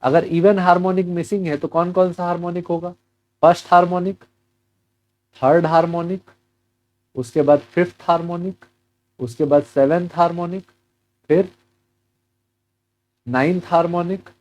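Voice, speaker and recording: A man's voice: sits high, fairly even intonation, normal speed, pauses often, a little mellow, poor audio. A man walking through a physics exam problem as a teacher, mixing Hindi with English terms and asking and answering his own questions.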